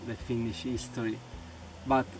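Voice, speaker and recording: A young man from Sicily, an Italian speaker, answering questions about volunteering in a halting way with many restarts. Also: mid-range voice, level tone, noisy background. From Sicily, Italy. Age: young adult. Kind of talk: interview answers. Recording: distant mic with loud music.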